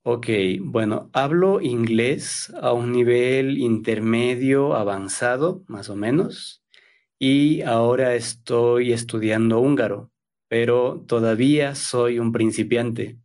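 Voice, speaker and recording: A man in his thirties from Ecuador answering interview questions as a Spanish teacher. He talks slowly and carefully for learners, in a soft-spoken, unhurried way with small fillers, at a middle pitch. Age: 30s. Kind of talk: slow, careful conversation for learners.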